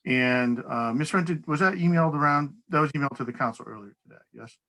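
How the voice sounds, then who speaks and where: A man with a bright, forceful tone runs a town council public hearing over a video call. He lays out the procedures in an easygoing way, with light laughs here and there. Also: mid-range voice, fast talker, poor audio. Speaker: council meeting chair.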